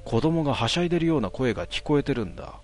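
A man telling a ghost story in a hushed voice, with drawn-out words and dramatic pauses. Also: mid-range voice, lively intonation, faint music behind.

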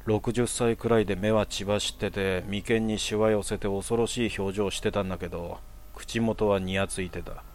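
A young man telling a personal horror story in a hushed, casual way. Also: fairly low pitch, fairly even intonation, normal speed.

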